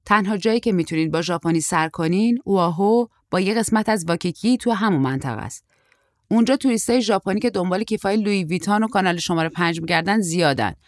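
A woman's voice: on the low side, animated, dry recording, close to an everyday voice. A woman reading as a curt middle-aged woman. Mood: brusque. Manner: terse, dry, impatient.

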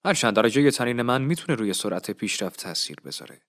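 A man's voice: mid-range voice, breathy edge, no room sound, studio quality. A man voicing a polite, determined young male student in a storybook reading. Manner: calm, polite.

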